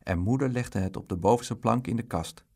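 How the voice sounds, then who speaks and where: A man narrating a children's storybook in an expressive, lively way. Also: on the low side, a little fast, gravelly. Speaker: audiobook reader.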